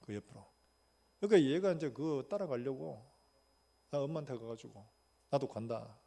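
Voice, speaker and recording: A man's voice: mid-range voice, lively intonation, normal speed, gravelly, warm tone. A male pastor preaching a sermon, telling a story animatedly and acting out the dialogue. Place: church sanctuary.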